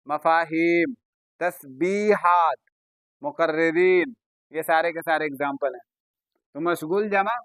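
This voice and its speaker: A man's voice: sits high, a bit bright, no echo, rough recording. A man with an Urdu accent teaching a classroom grammar lesson, repeating points and questioning his students. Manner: repetitive, questioning students, drawn-out explaining.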